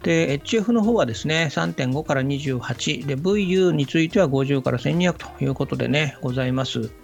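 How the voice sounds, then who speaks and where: Give me a man with a gravelly voice, chatting politely as a radio host over faint music. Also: a little high. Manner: polite, unhurried, many fillers and 'ne' tags. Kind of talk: casual radio talk. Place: radio studio.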